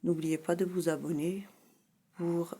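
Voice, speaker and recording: A woman teaching a French grammar lesson, explaining patiently and repeating her key points, often pausing on "voilà". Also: fairly low pitch, steady tone, dark tone, husky.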